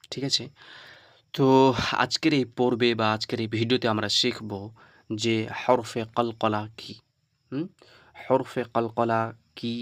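A man teaching a Quran recitation lesson who asks the listener questions and answers them himself, spelling letters out slowly and repeating them. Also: lowish voice, fairly bright tone, no echo. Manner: slow and repetitive, spelling out the letters one by one. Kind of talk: online tajweed lesson.

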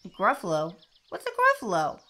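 A woman voicing a sly, hungry male snake in a storybook read-aloud, speaking in a hushed way. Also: medium pitch, huge pitch swings, normal speed.

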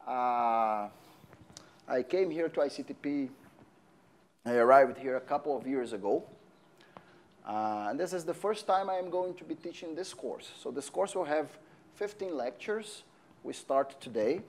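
A man in his thirties from Brazil, lecturing on a lapel mic in a large empty lecture hall, friendly and halting with fillers as he writes on the board. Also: medium pitch, expressive. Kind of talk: university lecture.

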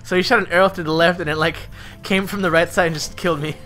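A man's voice: high-pitched, fairly even intonation, fast, a bit bright, faint music behind. A young man chatting in a rambling, casual way while commentating a video game with a friend. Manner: rambling, chatty, full of likes and laughs. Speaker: gaming channel co-host.

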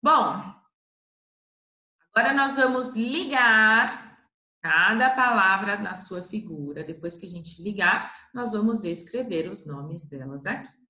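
Brazilian lady teacher sounding out syllables real slow, bright lively voice, echoey room. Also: medium pitch. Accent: Brazilian Portuguese. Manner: slow, drawn-out syllables, patient and encouraging. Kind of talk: recorded literacy lesson for first graders.

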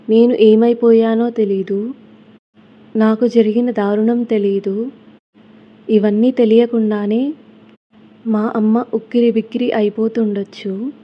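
Flat-voiced woman narrating a horror story. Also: on the high side, a little slow, pauses often. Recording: dull lo-fi recording.

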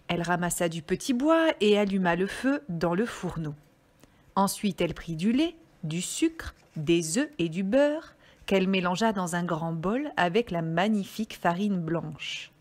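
A woman, a kindergarten teacher, reading a storybook aloud to young children in a gentle, expressive way. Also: fairly low pitch, unhurried.

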